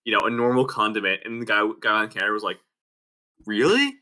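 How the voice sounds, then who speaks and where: A man's voice: fairly low pitch, steady tone, racing, sharp tone. A man co-hosting a podcast, trading joking, sarcastic banter. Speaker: podcast co-host. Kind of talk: casual chat.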